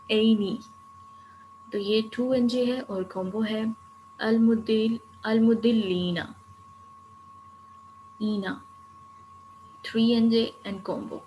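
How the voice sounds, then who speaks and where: A woman with a Pakistani accent teaching grammar in a recorded online lecture. She explains step by step and repeats word endings slowly. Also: mid-range voice, darkish tone, low-quality recording. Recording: faint noise and hum.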